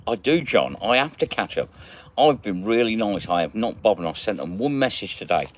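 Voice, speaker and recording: Lowish, very animated and brisk, the host of a magnet fishing livestream keeps things casual, calling out viewers by name while going through their comments.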